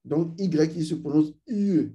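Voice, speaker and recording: A man with a slightly high but mellow, warm voice gives ritual instruction. He speaks slowly and deliberately, often stopping to intone long vowel sounds and asking his students if they follow. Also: lo-fi sound. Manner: addresses learners directly, repeats "vous voyez". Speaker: spiritual teacher.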